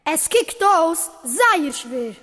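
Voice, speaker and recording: A woman voicing a polite, helpful young camp girl who speaks in a measured way. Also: very high-pitched, sing-song, a bit bright, in a large hall, exaggerated voice.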